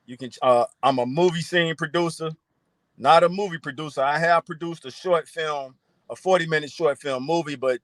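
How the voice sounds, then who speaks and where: Man from Florida, slightly higher voice, plain and brief, dry close mic. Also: fairly bright tone, no echo. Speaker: panelist, film producer. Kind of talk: casual introduction. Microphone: video call.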